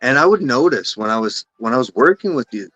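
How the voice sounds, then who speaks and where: A man's voice: mid-range voice, very animated, fast, fairly bright tone, no room sound, lo-fi sound, faint music behind. A man with a Canadian accent, a guest on a casual live stream, talking in rambling, self-correcting runs and swearing casually. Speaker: guest cannabis breeder.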